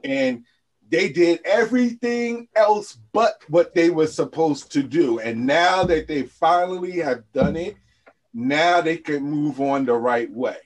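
Man, husky voice, casual sports chat, rambling storyteller. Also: fairly high pitch, lively intonation, takes it slowly, poor audio. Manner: laid-back storyteller, rambling with many "like" and "you know". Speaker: podcast co-host.

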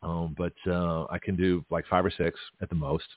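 A man hosting a casual radio talk show, chatty and rambling, his voice a little hoarse and scratchy from shouting. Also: deep voice, little pitch movement, normal speed, no room sound, narrow, tinny audio. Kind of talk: casual live radio chat.

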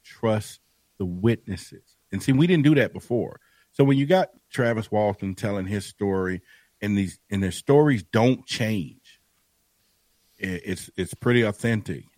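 Talkative deep-voiced man in his fifties. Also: unhurried, a little mellow, no room sound. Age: 50s. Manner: rambling, talkative, self-deprecating. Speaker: podcast guest. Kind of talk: casual podcast chat.

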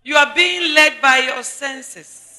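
A woman's voice: high voice, slow pace, pushed and bright, big-room sound. A woman pastor with a Ghanaian accent preaching a sermon, stressing her points by repeating them and speaking straight to the congregation. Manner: emphatic preaching with repetition and asides to the congregation.

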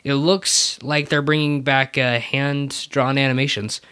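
Podcast host, medium pitch, casual chat, hesitant conversational delivery. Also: level tone, unhurried, pushed and bright, clear, resonant tone. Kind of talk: casual chat about Disney.

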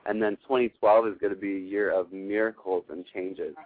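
This radio host is a man with a lowish, steady voice and a brisk pace, giving advice to callers on a call-in program. His delivery is earnest, affirming and emphatic, like a spiritual coach. The sound is narrow, as if heard through a phone on the radio.

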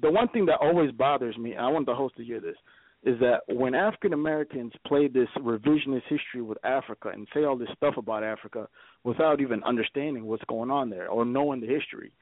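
Brief: fast-talking caller from Ethiopia, lecturing, insists on facts, tinny dry phone line. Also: male voice, medium pitch, no room sound. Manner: insistent, lecturing, stammers when cut off. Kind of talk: heated call-in debate.

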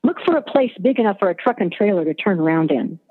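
A woman voicing a steady young male veterinary student raised on a farm, terse and calming, over a tinny line with long reverb. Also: mid-range voice, fast talker, slightly rough. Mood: tense.

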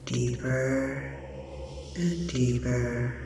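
An actor playing a sinister, falsely hospitable villain in a slow, menacing horror trailer voice, in a spooky audio drama. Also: male voice, medium pitch, gravelly, distant mic, music in the background. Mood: gloating menace. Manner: slow, menacing, savouring delivery. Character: sinister hospitable villain luring victims to his dungeon. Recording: echoey, with heavy rain noise.

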